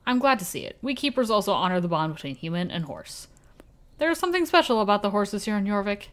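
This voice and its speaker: A woman voicing a kindly older male village blacksmith in a vague put-on accent, reading game dialogue aloud in a formal, warm way. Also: mid-range voice, big pitch swings, fast talker, lightly acted.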